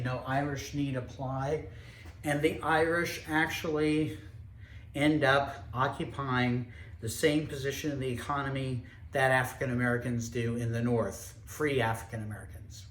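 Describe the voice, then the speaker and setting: A man giving a history lecture, explaining events in a measured storytelling way with occasional hesitations. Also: medium pitch. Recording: echoey room with faint background noise.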